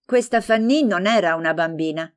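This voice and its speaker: A woman's voice: fairly low pitch, normal speed, natural voice. A woman voicing a jealous, sulky young girl who pouts and asks reproachful questions in a storybook reading.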